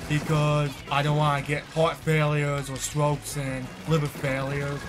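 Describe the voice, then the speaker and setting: A streamer in his twenties chats to his viewers while gaming, game music and other background noise behind him. His slightly high voice is monotone and unhurried as he rambles, repeats himself, and lets out short bursts of frustration.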